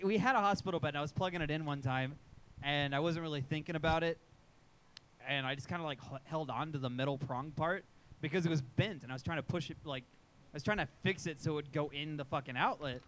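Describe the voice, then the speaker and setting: A man with a high, bright, forceful voice tells a story on a live podcast. He acts out his own reactions loudly and swears freely. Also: fairly quick. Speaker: podcast co-host. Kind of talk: casual chat. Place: live show at a sports bar.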